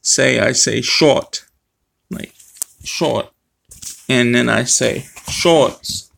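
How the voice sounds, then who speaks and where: A middle-aged man with a speech impediment that blurs his R and W sounds, talking casually and haltingly to the camera. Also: medium pitch, gravelly, fairly bright tone. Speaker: vlogger. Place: small room at home. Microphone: webcam or phone close to face.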